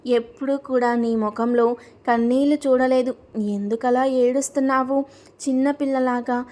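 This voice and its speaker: A woman's voice: high-pitched, fairly even intonation, moderate pace, mellow, close to an everyday voice. A woman voicing a young granddaughter, a bride-to-be who pleads with her grandmother and teases her a little. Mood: pleading. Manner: pleading, cheeky.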